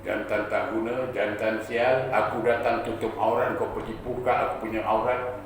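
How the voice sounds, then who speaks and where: A man's voice: fairly low pitch, level tone, moderate pace, slight background noise, voice pushed down, close to an everyday voice. A man voicing a wronged dead young woman who scolds and threatens the man who wronged her. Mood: furious. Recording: echoey hall, distant mic.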